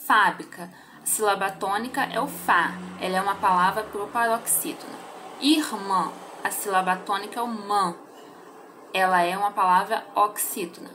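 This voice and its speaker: A Brazilian woman primary school teacher correcting a homework exercise in a recorded remote lesson, explaining slowly and clearly and often checking "tá?" with the children. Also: medium pitch, pushed and bright, a little hiss or hum, rough recording. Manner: slow, clear syllable-by-syllable explanation with frequent "tá?" checks.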